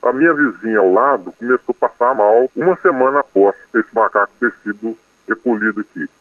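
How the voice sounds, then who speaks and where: An anonymous radio listener, voice disguised with a voice changer, talking haltingly and repeating words. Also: medium pitch, lively intonation, no echo. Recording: tinny phone line from far off.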